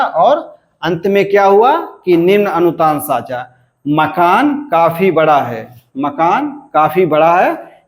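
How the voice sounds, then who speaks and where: Slow, high-voiced male teacher. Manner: slow and repetitive, asking and answering his own questions; clears his throat now and then. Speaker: Hindi grammar teacher. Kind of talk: classroom-style lesson explanation.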